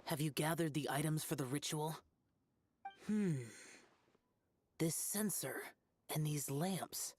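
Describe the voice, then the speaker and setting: A low, stern ritual master. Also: female voice, darkish tone, slightly rough, exaggerated voice. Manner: measured, formal, instructive. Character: stern ancient adept ritual master, formal.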